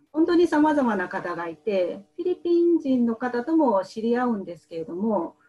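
A woman in her thirties who works as a medical translator, answering interview questions in a soft, hesitant way with many fillers. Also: fairly high pitch, lively intonation, moderate pace, muffled recording.

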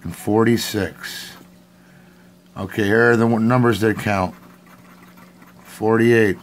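A middle-aged American man giving casual, halting commentary to camera in short phrases, recorded at home. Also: fairly low pitch, steady tone. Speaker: vlogger. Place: indoors at home, at a tiled table. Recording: clearly noisy home recording. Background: noise and scratching sounds.

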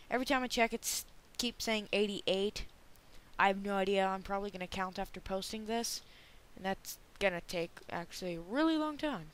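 A man's voice: high-pitched, a bit bright, clear, resonant tone. A teenage boy giving casual, rambling gameplay commentary, joking around and slipping into silly voices. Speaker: gaming video creator.

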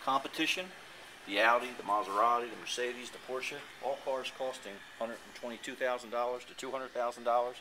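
A man giving an enthusiastic dealership sales pitch for a car, reciting specs in a showroom, recorded on a handheld camera. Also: steady tone, brisk. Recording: noisy showroom ambience.

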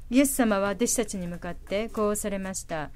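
Woman, live sermon interpreter, mid-pitched, halting delivery that keeps correcting itself. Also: darkish tone, slight background noise. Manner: halting, with frequent fillers and self-corrections. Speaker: simultaneous interpreter.

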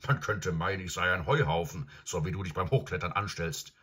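A man's voice: low voice, brisk, husky, heavily acted. A man doing a bossy old warhorse. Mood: teasing, commanding. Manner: lively, teasing, loud commands. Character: proud, bossy male talking warhorse, old cavalry veteran.

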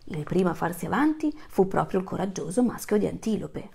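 A woman reading a storybook aloud to children, telling it in an animated, dramatic way. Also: lowish voice, fairly quick, creaky, husky. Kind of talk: expressive read-aloud.

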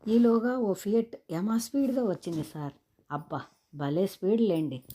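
A woman's voice: mid-range voice, moderate pace, dark tone, a little hiss or hum, natural voice. A woman voicing a cheeky young male student who teases in a mock-polite way, reading a story aloud. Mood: teasing.

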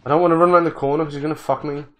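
A man commenting on his own gameplay, muttering to himself, swearing and getting excitable. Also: on the high side, racing. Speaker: let's play gamer.

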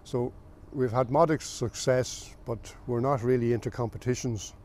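An older man from the south of Ireland, a farmer recalling his family's history in a plain, unhurried way with small pauses. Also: medium pitch, fairly even intonation, darkish tone, slight background noise. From south of Ireland, County Meath. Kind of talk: oral history recollection.

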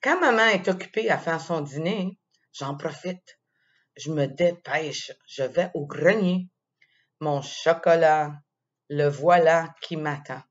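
A woman with a Quebec French accent tells a playful children's story at an unhurried pace. Her voice sits on the lower side and stays expressive. The sound is dull and lo-fi. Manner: playful, slow and expressive, with little laughs.

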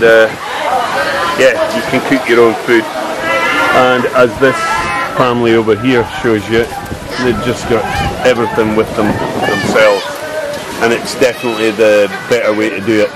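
A man's voice: on the low side, poor audio. A man, vlogging casually at an outdoor beach resort into a camera held at arm's length, with lots of "uh" fillers. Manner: chatty, filler-heavy with frequent "uh". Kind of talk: casual travel vlog. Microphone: handheld camera at arm's length. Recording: loud outdoor crowd and traffic noise.

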